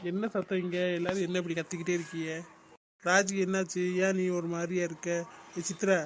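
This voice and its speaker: A performer voicing a calm middle-aged father in a comedy cartoon, asking what the fuss is. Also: mid-range voice, a little fast, a little hiss or hum, close to an everyday voice.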